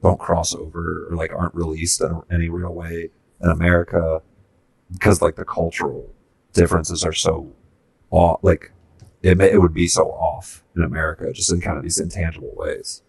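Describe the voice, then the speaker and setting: A man's voice: low voice, completely flat delivery, creaky, darkish tone, slightly rough. A man co-hosting a casual film podcast, rambling through his points with many restarts. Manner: rambling, halting, many fillers. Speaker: podcast co-host.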